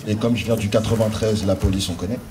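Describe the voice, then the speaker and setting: Male stand-up comic from France, lowish voice, casual storytelling, picked up from afar over a busy crowd. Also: fairly even intonation, fast. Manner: casual, anecdotal, hesitant fillers. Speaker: stand-up comedian. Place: live stage before an audience. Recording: distant mic over a loud audience.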